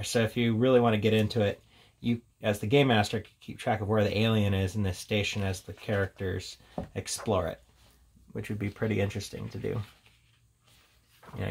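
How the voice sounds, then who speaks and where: A man with a low, gravelly voice casually reviews a tabletop game in an unscripted product walkthrough. Steady background noise and handling clicks can be heard throughout.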